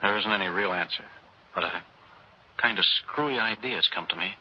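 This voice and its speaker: A low male voice with a breathy edge and a moderate pace voices a plain-spoken working man full of moral indignation in a 1960s radio drama. The actor speaks in earnest, colloquial phrases with a hesitant, brooding mood. The old radio recording sounds muffled and hissy.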